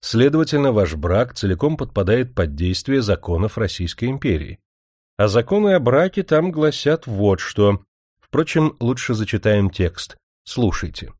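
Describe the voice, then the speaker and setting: A man voicing a formal, explaining lawyer in a spoken story, measured and lecturing. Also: lowish voice, very animated, a little mellow, no echo, clean studio sound.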